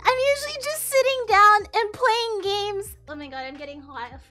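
A woman's voice: extremely high pitch, normal speed. A young woman chatting casually on a cooking livestream in a cute, girlish, giggly anime-streamer manner, speaking into a close mic. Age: young adult. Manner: giggly, expressive. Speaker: live streamer. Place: home kitchen, indoors. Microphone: close studio mic on a boom arm. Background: music.

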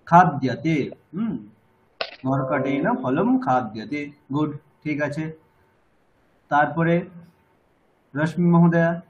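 Patient Bengali teacher, lo-fi call audio. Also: male voice, fairly high pitch, lively intonation, a little mellow. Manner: patient, repeats words slowly for students. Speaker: language teacher. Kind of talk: online class, correcting students.

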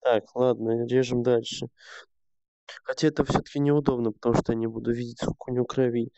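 A man's voice: mid-range voice, level tone, fairly quick, warm tone, dry recording. A young man streaming a game, grumbling and swearing to himself in casual commentary. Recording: dull lo-fi sound.

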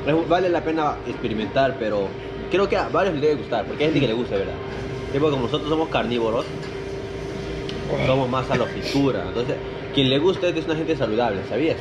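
A man's voice: mid-range voice, lively intonation, brisk. Young joking man, noisy restaurant. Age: young adult. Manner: joking, teasing, addresses viewers directly. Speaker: vlog co-host. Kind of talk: casual food-tasting chat. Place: indoor sushi restaurant. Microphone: camera on the table.

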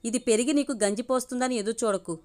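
A sharp-tongued, bitter grandmother scolds without holding back, read aloud by a woman storyteller. Her voice sits a little high for an older woman, and every line comes out blunt and cutting, as in a spoken family story. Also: fast talker, natural voice. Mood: scolding.

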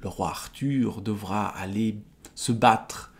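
A man with a Swiss French accent reading a medieval romance aloud and pausing for thoughtful, halting commentary. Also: on the low side. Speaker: literature book reviewer.

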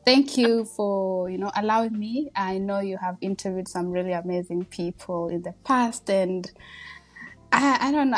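With a low, slightly breathy voice, a Kenyan woman in her thirties talks about her life as a podcast guest. The conversation is casual interview storytelling, and her tone is humble and warm. She chats easily, laughing often and using plenty of fillers.

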